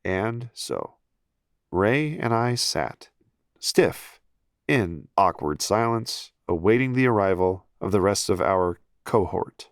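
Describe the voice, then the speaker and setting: A man with a lowish voice reads a first-person novel aloud. His delivery is wry and self-deprecating, with profane asides. The recording is dry with no room sound. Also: expressive, slow, dry recording. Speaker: audiobook narrator. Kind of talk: first-person audiobook narration.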